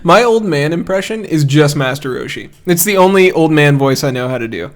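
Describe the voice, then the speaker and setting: Male podcast co-host, a touch high, lively pitch, enthusiastic and easily amused. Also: brisk. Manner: chatty, laughs easily, enthusiastic fan talk. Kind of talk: casual chat.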